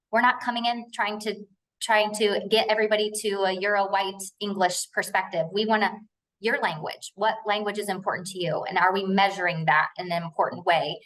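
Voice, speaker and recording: A woman's voice: mid-range voice, a bit bright, low-quality recording. Earnest woman speaker answering questions. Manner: earnest, explanatory, with frequent um and uh. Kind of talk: Q&A after a research talk.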